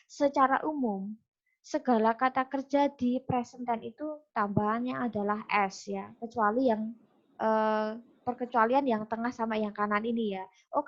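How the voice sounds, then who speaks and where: A woman with an Indonesian accent gives an online lecture. Her voice sits a little high, and the audio is dull and lo-fi. She explains patiently, with frequent fillers and self-corrections. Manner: explanatory, many fillers and restarts. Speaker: English lecturer.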